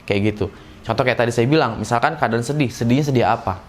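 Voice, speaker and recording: A man gives a relaxed, chatty acting lesson and acts out short emotional examples as he goes. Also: medium pitch, fast talker. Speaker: acting teacher. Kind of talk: casual classroom-style lesson.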